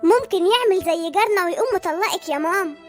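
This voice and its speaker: A woman's voice: extremely high pitch, expressive, fast talker, soft background music. A woman voicing a cheeky, boastful young boy in an Egyptian cartoon, with an Egyptian Arabic accent. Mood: worried. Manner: boastful, chatty. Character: cheeky clever young boy, mother's son.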